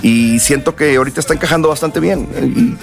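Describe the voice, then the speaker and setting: Speaking with a Mexican accent, a singer from northern Mexico and South Texas chats as a guest in a casual interview, sounding hungover and tired. His voice is fast, gravelly and on the high side, and he rambles loosely in slang with lots of restarts over soft background music.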